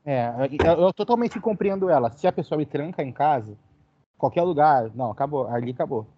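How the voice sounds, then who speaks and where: A man's voice: fairly high pitch, animated, a little fast, muffled recording. A man in casual chat, reacting expressively and joking as he speaks.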